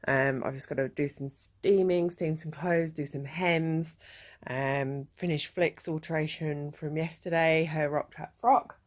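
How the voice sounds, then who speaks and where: Low voiced woman vlogging, thirties, chatty and honest about how she's doing. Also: fairly even intonation, unhurried, no echo. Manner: open, reflective talk to camera. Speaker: fashion designer and vlogger. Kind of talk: candid personal vlog.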